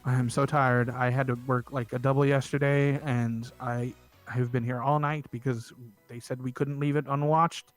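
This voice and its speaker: A man's voice: medium pitch, level tone, normal speed, faint music behind, lightly acted. A man voicing a weary male guard who hasn't slept all night and is at his wit's end. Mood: exhausted. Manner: tired, sighing, pleading.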